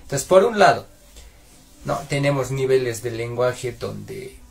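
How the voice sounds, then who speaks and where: Gravelly-voiced man teaching a lesson. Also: medium pitch, expressive, unhurried. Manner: explanatory, often asks "¿no es cierto?". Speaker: Aymara language teacher. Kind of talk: explanatory lesson.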